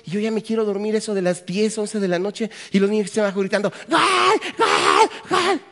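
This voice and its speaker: A man's voice: high-pitched, flat delivery, quick pace, warm tone. A Mexican man, a pastor, giving a conference sermon with a Mexican Spanish accent, joking and asking the audience questions. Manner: jokey, asks the audience questions. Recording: long hall reverb.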